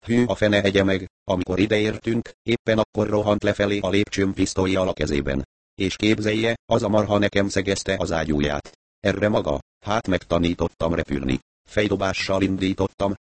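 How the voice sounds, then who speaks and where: A man voicing a brash, low-voiced brawler. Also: no echo, natural voice. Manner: blunt, crude, boastful. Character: brash rough-talking man, hot-headed brawler.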